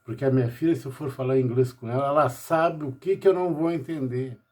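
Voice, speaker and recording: A man's voice: mid-range voice, fast, a little mellow. An older man from Brazil, a pharmacist talking about his life at home in a rambling personal monologue, tagging nearly every phrase with "né?".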